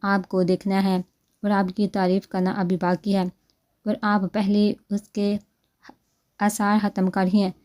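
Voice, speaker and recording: A woman's voice: medium pitch, monotone, darkish tone, close to an everyday voice. A woman reading an offhand young husband. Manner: offhand, careless. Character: cool, teasing young husband.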